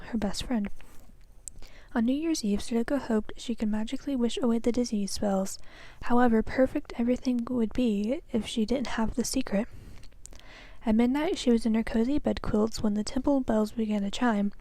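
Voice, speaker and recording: Soft-voiced young woman reading a storybook. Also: a little high, no echo. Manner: careful, soft reading with small slips. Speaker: student reader. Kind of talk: reading a children's novel aloud.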